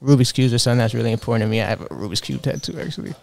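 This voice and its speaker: A young man, a clothing designer, answering interview questions in a soft-spoken way full of "like" fillers. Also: medium pitch, very fast, gravelly.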